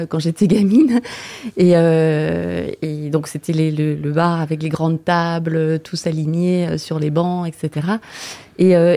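A woman's voice: fairly low pitch, warm tone. A woman, a village deputy mayor, describing a local café in a hesitant way, full of fillers and restarts. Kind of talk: radio interview.

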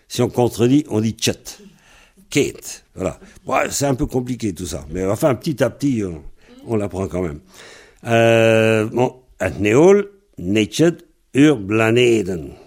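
A man teaching a language lesson, patiently repeating words and phrases slowly so they can be pronounced. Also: mid-range voice, a little mellow.

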